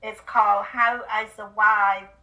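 An older woman from Cambodia recounts her past in an interview with earnest, simple phrasing and small slips of grammar. Her voice is bright and clear. She sits a little away from the microphone. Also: mid-range voice, level tone, unhurried, far from the mic, lo-fi sound. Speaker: guest, author and speaker. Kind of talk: telling her life story in an interview.

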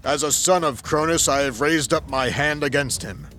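A man's voice: a little high, normal speed, sharp tone, soft background music. A man voicing a determined young god king who speaks firmly and with command. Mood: persuasive. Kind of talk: audio drama acting.

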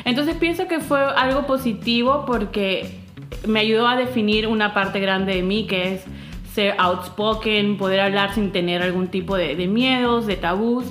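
A woman's voice: mid-range voice, normal speed, a bit bright, reverberant, soft background music. A woman in her thirties from Peru, talking openly as an interview guest, with frequent fillers and restarts. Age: 30s. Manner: candid and open, with many fillers and restarts. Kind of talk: casual interview chat.

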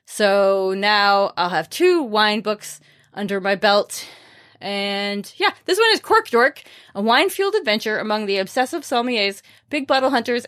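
A woman with a mid-range, slightly bright voice hosts a podcast about books. She chats casually through her recommendations, dropping wry, understated asides.

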